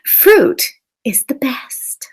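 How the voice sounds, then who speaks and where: A woman's voice: extremely slow, whispered. A woman reading aloud and voicing a cheerful piranha who keeps offering fruit to his friends. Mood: coaxing. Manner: upbeat, coaxing.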